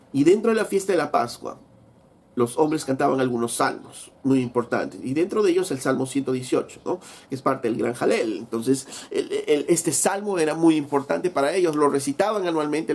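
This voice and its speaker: Animated man preaching with rhetorical questions. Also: on the high side. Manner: acts out biblical dialogue in quoted voices. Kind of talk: sermon.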